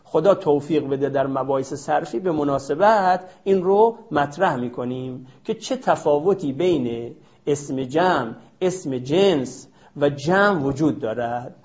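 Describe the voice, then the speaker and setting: A man teaching Arabic grammar in a classroom lecture, stressing key terms by repeating them slowly. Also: a little high, expressive, a little mellow, lo-fi sound.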